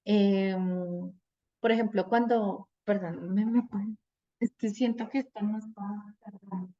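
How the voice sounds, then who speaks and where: Brief: middle-aged woman, parenting teacher, lively storytelling, slightly dull recording. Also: mid-range voice, slow. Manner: animated, asks "¿cierto?" often. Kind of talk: teaching a parenting class with personal stories.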